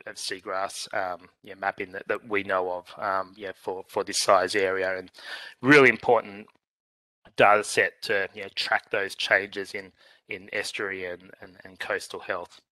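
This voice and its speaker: A man with a croaky, hoarse voice giving a meeting presentation, halting with many fillers and restarts. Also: deep voice, level tone, sharp tone, dry recording, poor audio. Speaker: presenter filling in for a scientist. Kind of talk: meeting presentation over a call.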